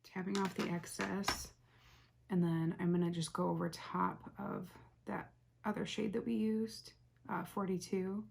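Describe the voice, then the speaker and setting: A young woman hosting a casual, chatty makeup tutorial, rambling softly as she works and often dropping to a near whisper. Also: on the low side, flat delivery, unhurried, vocal fry, a little hiss or hum. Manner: rambling, soft-spoken, talks while working, often drops to near whisper.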